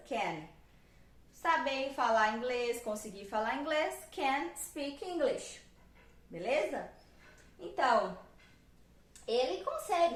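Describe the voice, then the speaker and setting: A woman with a Brazilian Portuguese accent teaching English grammar, who patiently repeats her examples slowly and keeps checking in with her listeners. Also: fairly high pitch, fairly bright tone. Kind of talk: explaining grammar on a whiteboard lesson. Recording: echoey room, voice from a distance.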